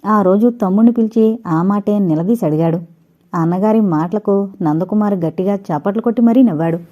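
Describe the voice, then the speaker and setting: A woman narrating a novel in an even storytelling manner. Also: mid-range voice, a little fast, lo-fi sound. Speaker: audiobook narrator. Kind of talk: novel reading.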